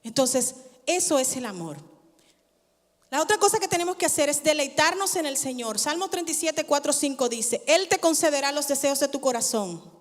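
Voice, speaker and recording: A woman pastor delivers a sermon with a high, bright voice. She is expressive and mixes humor and sarcasm into her preaching. The sound carries a long church-hall reverb. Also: moderate pace.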